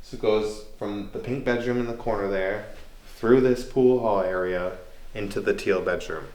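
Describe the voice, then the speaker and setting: Male tour guide, informal and deliberate, explaining things in a large reverberant interior. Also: fairly low pitch, darkish tone. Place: large indoor castle rooms. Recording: echoey room with faint noise.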